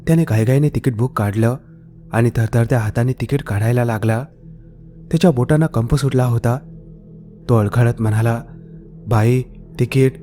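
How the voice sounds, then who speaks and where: A man narrating a scripted horror story in a slow, hushed, suspenseful way. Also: mid-range voice. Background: faint eerie background music.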